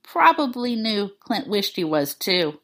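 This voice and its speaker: A woman narrating fan fiction aloud in a calm, even storytelling manner. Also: mid-range voice, measured pace.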